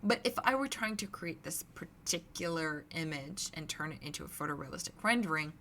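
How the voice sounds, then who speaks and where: A woman instructor giving a recorded lecture, explaining in a relaxed, conversational way, her voice scratchy and hoarse. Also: low voice, brisk. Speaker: university instructor.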